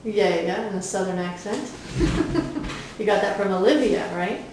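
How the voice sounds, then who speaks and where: Slow, coaxing woman talking to a toddler. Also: mid-range voice, lively intonation, noisy background. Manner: slow, sing-song coaxing questions with soft laughs. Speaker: parent quizzing a toddler. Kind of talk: home video talk with a small child. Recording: roomy echo, mic off at a distance.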